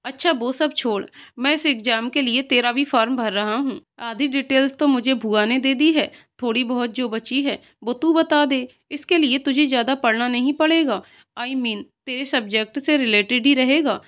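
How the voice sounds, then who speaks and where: A woman's voice: high-pitched, moderate pace, fairly bright tone. A woman reading as a teasing young male cousin. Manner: joking, breezy.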